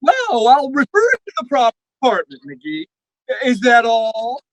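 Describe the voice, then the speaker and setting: A man's voice: very high voice, huge pitch swings, a little slow, dry recording, exaggerated voice, rough recording. A man playing a pompous, sarcastic town mayor in old-time radio comedy style, formal and exasperated.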